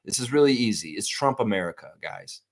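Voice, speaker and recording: A man's voice: on the low side, very animated, a little fast, creaky. A man hosting a live sports talk stream, ranting heatedly and swearing a lot while speaking straight to his viewers. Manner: profane, heated, repetitive ranting; addresses viewers directly.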